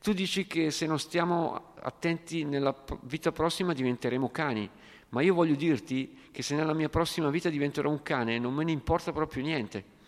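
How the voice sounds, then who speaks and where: A man voicing a defiant young male hippie who shouts out a challenge, in an echoey hall. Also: on the high side, fairly quick, pitched above the performer's own voice, lightly acted. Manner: loud, challenging call-out.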